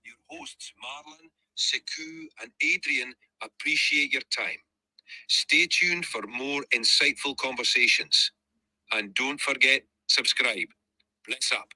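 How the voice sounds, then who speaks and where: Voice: mid-range voice, slow pace, sharp tone, no room sound, low-quality recording. A synthetic AI assistant voice, heard as a man, reading an upbeat podcast outro in an announcer-like way. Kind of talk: scripted outro read aloud.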